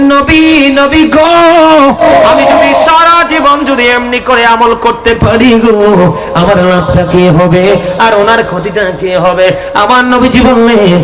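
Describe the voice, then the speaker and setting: A man delivers a rhythmic, impassioned sermon in a high voice. He keeps calling out to the crowd to answer him. The sound rings with the echo of a large room. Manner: calls out to the audience for responses; rhythmic, impassioned preaching with regional dialect asides. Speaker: preacher. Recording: echoey hall sound.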